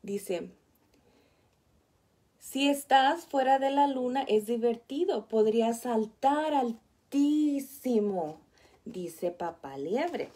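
A woman teacher reads a picture book aloud to young children, explaining each page gently. Her voice sits a little high and sounds warm and mellow. She speaks very slowly and often stops to point things out. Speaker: preschool teacher.

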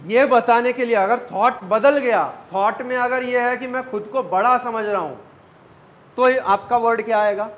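A man's voice: very high voice, normal speed, fairly bright tone, low-quality recording. A man, an acting coach teaching a class, quizzing students and joking with them.

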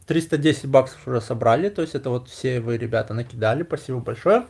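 A man's voice: medium pitch, fast talker, vocal fry, darkish tone, slightly rough. A man in his thirties chatting casually as a vlog host, in an informal, slangy, joking way. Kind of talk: casual chat. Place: small indoor room packed with gear.

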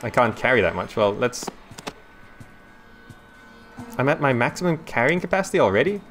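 Malaysian-accented man hosting a game playthrough, chatty and laughing, mid-pitch voice, game music faint underneath. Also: big pitch swings, quick pace, fairly bright tone. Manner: chatty, laughs often, reads game text aloud. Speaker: gaming channel host. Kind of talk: let's play commentary.

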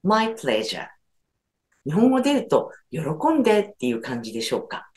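A woman's voice: low voice, big pitch swings, fast talker, dark tone, slight background noise. A woman teaching English phrases in a lesson video, switching between her explanations and example phrases in English.

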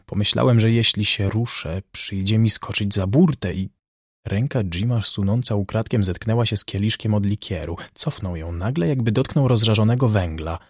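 Husky male audiobook narrator. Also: lowish voice, dry recording, clean studio sound. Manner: measured, even storytelling. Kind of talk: scripted narration.

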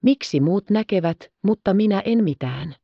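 A woman's voice: medium pitch, lively intonation, vocal fry, no room sound, dull audio. A woman reading an audiobook, voicing an eager, anxious young noble girl with light characterization.

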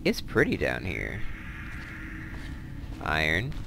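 A man's voice: rumbling low, wildly swooping pitch, slow, gravelly, background noise. A man hosting a let's play, chatting casually and thinking aloud as he plays, drifting into side stories. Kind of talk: casual gameplay commentary.

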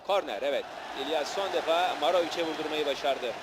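A man's voice: fairly high pitch, a little fast, a crowd in the background. A man giving live television football commentary in short, clipped play-by-play phrases. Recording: noisy old match broadcast, outdoor stadium.

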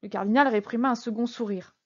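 Female narrator with a high-pitched voice, calm book reading, muffled lo-fi recording. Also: fast talker. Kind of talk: reading a novel aloud.

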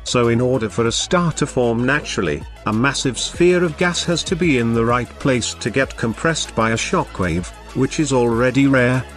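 A man's voice: medium pitch, normal speed, hardly any pauses, a bit bright, soft background music. Man narrating a science explainer. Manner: plain, informal reading of a prepared script.

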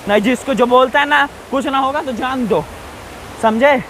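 A man's voice: extremely high pitch, a bit bright, slight background noise, poor audio. A man vlogging casually outdoors by a waterfall, chatting to his viewers as he walks and repeating safety warnings. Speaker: travel vlogger. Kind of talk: casual walking vlog. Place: outdoors on rocky hillside by a waterfall. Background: faint rushing waterfall.

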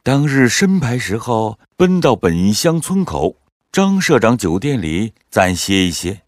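A man narrating a classic story in a measured, expressive way. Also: lowish voice, dry recording, clean studio sound.

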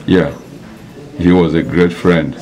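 A deep-voiced man interviewing guests at a church memorial, chatting warmly and affirming each answer. A loud crowd murmurs behind him in the hall. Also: fairly even intonation, slow. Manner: warm, chatty, frequent affirmations. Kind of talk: casual interview.

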